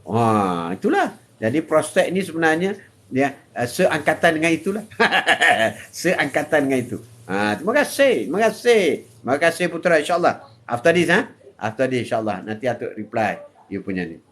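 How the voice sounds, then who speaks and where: A man's voice: on the high side, sing-song, normal speed, a bit bright. An older man with a Malaysian Malay accent, hosting a casual live-stream chat, joking, laughing often and reading out viewer comments. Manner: jokey, laughs often, mixes in English phrases.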